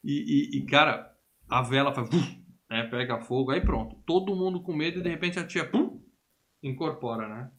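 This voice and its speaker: A man's voice: fairly high pitch, normal speed. A man, a podcast co-host animatedly retelling a film in casual chat and freely swearing. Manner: animated storyteller, acts out characters' lines, swears freely.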